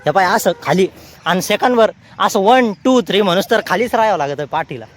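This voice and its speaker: A man's voice: high-pitched, lively intonation, a little fast, a little hiss or hum. A man, giving chatty, teasing vlog commentary outdoors. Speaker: vlogger.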